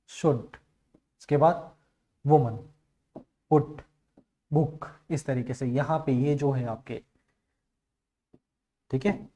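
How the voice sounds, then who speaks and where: A man teaching phonetics, reading out example words louder and checking whether students understand. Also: mid-range voice. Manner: reads word lists aloud, louder on example words; asks "clear?" and says "okay" often. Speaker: English teacher. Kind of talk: phonetics lesson.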